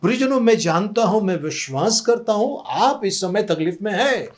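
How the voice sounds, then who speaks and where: A man's voice: high voice, expressive, moderate pace. A male pastor preaches a fervent church sermon in a slightly raised voice. He echoes each scripture phrase after it is read aloud and scatters English words and praise exclamations through his talk. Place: church service.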